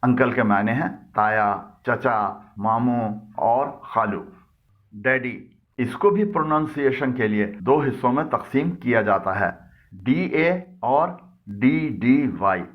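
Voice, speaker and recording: Man with an urdu accent doing a slow scripted english lesson, spells words out, mid pitch, bit dull lo-fi sound. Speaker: English teacher.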